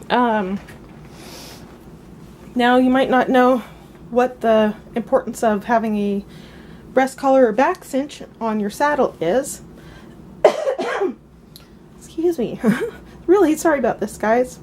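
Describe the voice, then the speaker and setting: A somewhat high-voiced woman explains gear in a relaxed, friendly teaching manner. She talks chattily with fillers and asides and coughs now and then. A faint hiss sits under her voice. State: coughing at times. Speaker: riding instructor. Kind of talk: casual instructional demonstration.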